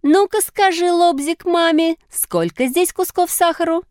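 A woman voicing an eager, bossy schoolboy in a raised, excited boyish voice. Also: very high-pitched, unhurried, no room sound, studio quality, voice pushed up.

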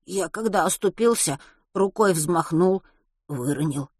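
A woman's voice: lowish voice, lively intonation, measured pace, darkish tone, slightly rough, no echo. Injured schoolboy done by a woman, breathless, strained, pleading, audiobook character, dry sound. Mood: pained, weak. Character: injured schoolboy, pained, then desperate and self-sacrificing.

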